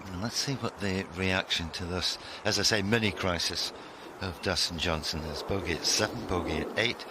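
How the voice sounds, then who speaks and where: Low-voiced male golf commentator, loud background noise. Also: moderate pace. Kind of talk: live golf commentary with recaps of play.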